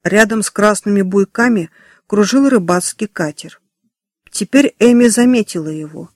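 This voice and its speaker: A man narrating a children's novel in a steady, expressive storytelling manner. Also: sits high, moderate pace, no room sound, studio quality. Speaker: audiobook narrator. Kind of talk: scripted narration.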